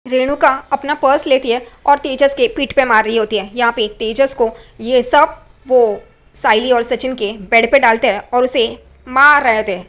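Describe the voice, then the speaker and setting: High-voiced woman recapping a serial. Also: unhurried. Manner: animated, vivid retelling. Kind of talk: casual storytelling recap.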